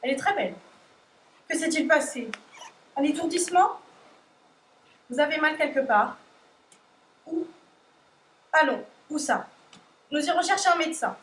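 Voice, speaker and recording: A woman's voice: high voice, animated, measured pace, pauses often. A teenage girl acting in a school stage play as a caring, motherly woman in charge, recorded from far off in an echoey hall. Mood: gentle. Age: teens. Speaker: high school stage actor.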